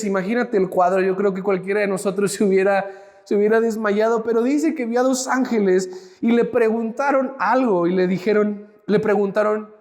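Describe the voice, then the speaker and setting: A man's voice: sits high, big-room sound. A man giving a reflective devotional talk, speaking straight to the listener with questions. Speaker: preacher.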